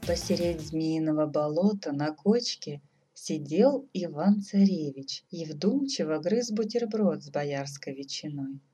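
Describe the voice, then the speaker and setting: A woman reading a humorous fairy tale aloud in a lively, wry storybook style. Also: low-pitched, measured pace, few pauses, breathy edge. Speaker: narrator. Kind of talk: storybook narration.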